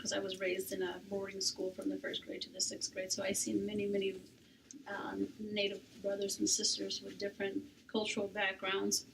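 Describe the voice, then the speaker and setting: A middle-aged woman speaking as a panelist in a reflective, soft-spoken way, her voice often slipping into a breathy whisper. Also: mid-range voice. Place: room at a healing arts center. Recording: distant mic with faint background noise.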